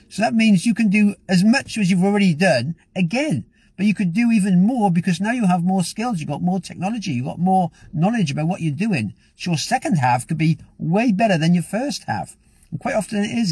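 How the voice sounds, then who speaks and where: This man has a high, slightly mellow, husky voice captured in a dry recording. He's the host of his own show, delivering a casual motivational talk to camera that's upbeat but rambling, full of restarts.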